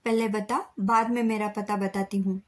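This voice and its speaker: A woman's voice: medium pitch, flat delivery, moderate pace, a little mellow, lightly acted. A woman voicing an older woman on the phone, talking snappishly in a raised voice. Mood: irritated. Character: older woman, irritable then tearful.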